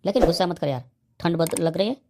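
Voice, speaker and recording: A woman's voice: on the low side, fast talker, noisy background, natural voice. A woman voicing an aging unmarried man in a comedy cartoon who keeps pestering and defending himself about marriage. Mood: defensive. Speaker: cartoon character.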